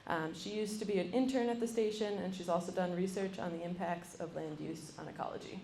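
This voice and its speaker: In a lecture room, a young adult woman runs a university panel, presenting the speakers one by one with plenty of ums. Her fairly low, warm voice is fairly quick with fairly even intonation. The mic sits at a distance, so the sound is roomy, with slight background noise.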